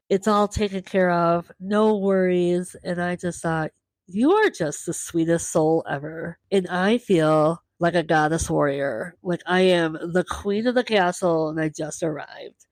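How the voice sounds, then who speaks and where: A woman hosting a podcast, telling a travel story casually and lively, acting out the voices of the people she met. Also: on the low side, no room sound. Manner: lively, acts out quoted voices. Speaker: podcast host.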